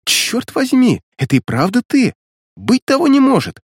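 A man's voice: on the high side, huge pitch swings, normal speed, slightly rough, no echo, studio quality, full character voice. A man voicing a young woman swordfighter, cool and mocking, in a storybook reading. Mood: delighted.

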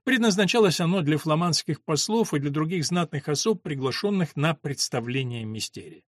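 A man's voice: a little high, moderate pace, no echo, studio quality. Man narrating a classic novel expressively. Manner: expressive, dramatic reading. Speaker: audiobook narrator. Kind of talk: scripted literary narration.

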